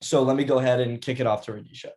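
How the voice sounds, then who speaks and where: A man's voice: medium pitch, steady tone, very fast, darkish tone, slight background noise. A young man, a college student, giving an earnest prepared presentation over a video call, with frequent fillers and restarts. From United States. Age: young adult.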